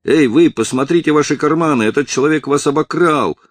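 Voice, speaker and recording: Male reader as brave sickly boy, pitched high, tearful shouting. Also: a little fast, dry recording, close to an everyday voice. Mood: alarmed.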